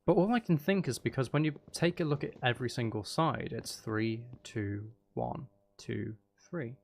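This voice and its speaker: A live streamer with a gravelly, mid-range, animated voice speaks at normal speed. He works through a building task on a casual gaming stream, wondering aloud, doubting his own decisions, and chatting with viewers while largely talking to himself.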